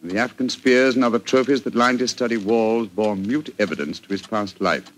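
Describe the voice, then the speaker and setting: An actor playing a genial, pompous, bumbling English doctor with a British accent in a 1940s radio drama. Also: male voice, on the low side, brisk, natural voice. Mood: storytelling. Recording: noisy 1940s radio recording.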